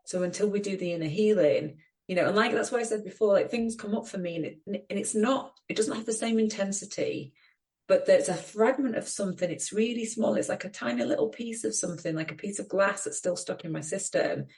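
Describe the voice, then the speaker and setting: A woman's voice: mid-range voice, brisk, darkish tone. A middle-aged woman co-hosting a podcast, talking in an earnest, reflective way with many "you know"s. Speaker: podcast co-host. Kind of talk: casual chat.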